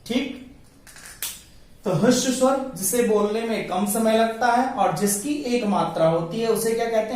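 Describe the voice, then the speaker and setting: A male teacher giving an exam-prep lecture, asking questions and answering them himself, stretching the vowel sounds slowly while writing on a board. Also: very high voice, darkish tone. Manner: addresses listeners as friends. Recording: very echoey room, voice from some distance to the mic.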